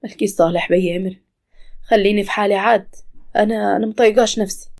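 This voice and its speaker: A woman's voice: medium pitch, fairly even intonation, rapid-fire, vocal fry, darkish tone, lightly acted. A woman voicing a frightened, despairing young woman who talks in pleading, tearful tones. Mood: defiant.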